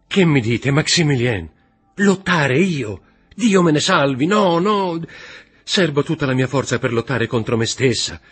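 A husky-voiced man voicing a distraught young noblewoman, lifting his voice high and crying out emotionally. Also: expressive, moderate pace, soft background music. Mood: frightened. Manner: raised pitch, emotional, cries out.

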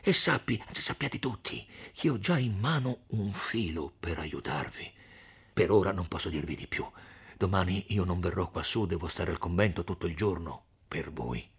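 A man voicing a kindly elderly friar in a storybook reading, speaking in a gentle, solemn, consoling way. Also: low-pitched, lively intonation, normal speed, husky, pitched below the performer's own voice, full character voice.

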